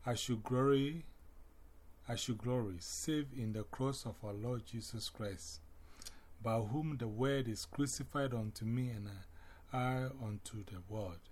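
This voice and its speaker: A man hosting a devotional, reading scripture and leading prayer in a measured, reverent way. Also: mid-range voice. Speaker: devotional host. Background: soft music bed.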